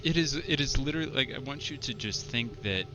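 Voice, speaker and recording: A man's voice: mid-range voice, lively intonation, a little fast, background noise. A man chatting casually as a player in a tabletop game.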